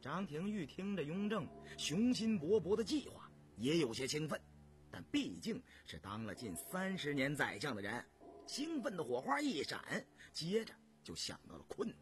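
A man narrating a historical novel in a measured, vividly expressive storytelling style. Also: on the high side, faint music behind.

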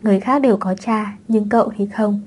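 Calm woman reading a web novel. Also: mid-range voice, brisk, slightly rough. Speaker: audiobook narrator. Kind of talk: scripted narration of a web novel.

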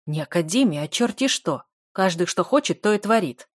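A haughty noble lord hisses and blusters at everyone around him, as a woman reader puts him on. His voice is low, loud and forceful, and it rings dry in a close, deadened room. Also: animated, normal speed, no echo. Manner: hissing, blustering, indignant. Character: arrogant pompous male aristocrat lord, middle-aged.

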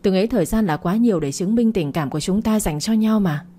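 A woman's voice: medium pitch, fast, warm tone, natural voice. A woman reading the part of a frank young woman who keeps refusing a suitor, in a storybook reading. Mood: reluctant. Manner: frank, reluctant.

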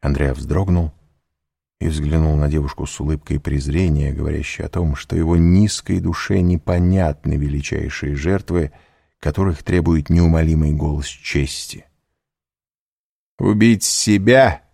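Deep-voiced man reading a novel aloud. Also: steady tone, normal speed, creaky, mellow, husky, dry recording, clean studio sound. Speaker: audiobook narrator. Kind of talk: scripted narration.

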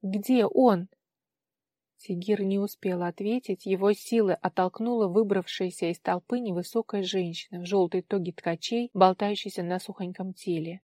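A woman narrating an audiobook with an expressive reading. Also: medium pitch, moderate pace, few pauses, no room sound, clean studio sound. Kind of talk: scripted narration.

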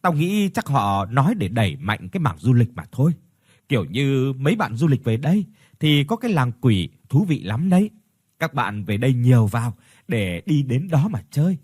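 A man's voice: medium pitch, very animated, normal speed, a little mellow, breathy edge, dry recording, studio quality. A man doing a cocky joking young skeptic.

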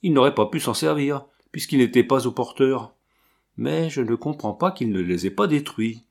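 A man's voice: mid-range voice, lively intonation, moderate pace, gravelly. An ardent young officer speaks with earnest urgency, as a man reads him aloud. He is wounded yet passionate, pressing his points plainly. The voice stays close to a reader's own. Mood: earnest, urgent.

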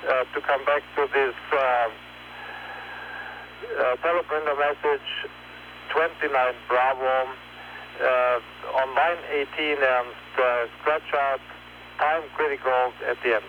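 A male ground controller dictating message corrections step by step in a halting, procedural way over a space mission radio link. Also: mid-range voice, fairly even intonation. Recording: tinny narrowband space radio, hum, noise.

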